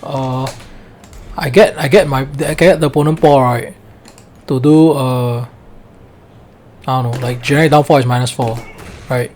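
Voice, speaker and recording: A man's voice: mid-range voice, fairly even intonation, moderate pace, pauses often, darkish tone, a little hiss or hum. A man with a Singlish accent, coaching a fighting game in a casual, colloquial way and often checking with "right?".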